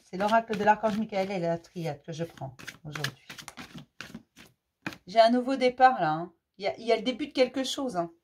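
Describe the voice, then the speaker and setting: A woman's voice: mid-range voice, normal speed, a little mellow, slight background noise. A woman giving a casual spoken card reading as host, talking directly to listeners in an informal, reassuring way.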